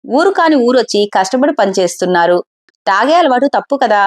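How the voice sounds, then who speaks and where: A woman voicing a gentle older mother on pilgrimage who coaxes her husband softly and gives calm advice. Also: on the high side, a little fast. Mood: advising. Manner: soft, soothing, coaxing.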